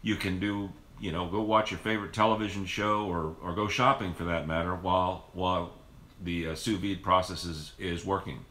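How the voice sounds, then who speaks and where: A man's voice: deep voice, fairly even intonation, normal speed, bright, forceful tone, roomy sound. A man hosting a home cooking video, explaining the method casually and rambling with frequent restarts in his kitchen.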